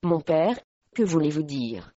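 A woman's voice: low-pitched, expressive, a little slow, darkish tone, no echo, muffled recording, pitched below the performer's own voice. A woman reading the part of a frightened young noble girl who speaks in a faltering voice. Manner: trembling, faltering.

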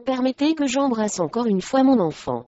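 A woman reading the part of a young devout mother, anguished yet firm, speaking softly and low. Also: big pitch swings, normal speed, dry recording. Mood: pleading. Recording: dry, slightly muffled recording.

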